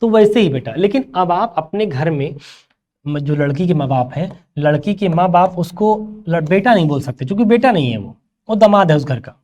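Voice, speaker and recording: A man's voice: on the high side, expressive, normal speed, darkish tone. A male teacher giving a grammar lecture, who asks rhetorical questions and answers them himself and calls his students "beta".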